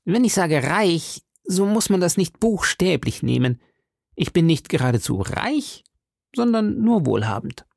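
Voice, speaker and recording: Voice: mid-range voice, big pitch swings, a little slow, gravelly, a little mellow, no echo, studio quality, voice pushed up, heavily acted. A reader voicing a jealous, middle-aged lawyer's wife who pleads and sounds wounded in an audiobook. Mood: indignant. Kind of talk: audiobook character reading.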